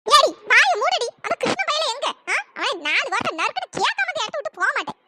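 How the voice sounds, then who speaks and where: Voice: very high-pitched, big pitch swings, fast talker, heavy background noise. A performer voicing an old grandmother in a cartoon story who comforts her granddaughter tenderly and scolds her own daughter furiously. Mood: furious scolding. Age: older. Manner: scolding, shouting. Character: fierce loving old grandmother, sharp-tongued.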